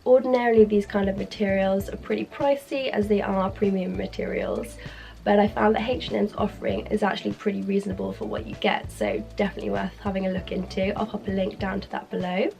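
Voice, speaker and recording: A woman's voice: mid-range voice, fairly quick, creaky, dark tone, soft background music. A British woman presenting a fashion guide in a chatty, informal way, her voice strained and sick-sounding from a sore throat. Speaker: fashion video creator. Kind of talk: upbeat scripted fashion guide to camera.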